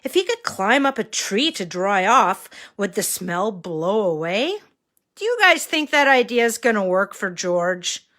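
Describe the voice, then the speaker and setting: A woman reads a children's picture book aloud as if to a toddler, expressively and with an engaging, questioning manner. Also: mid-range voice. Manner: reading to a toddler, slow and expressive with questions to young listeners. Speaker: children's story reader.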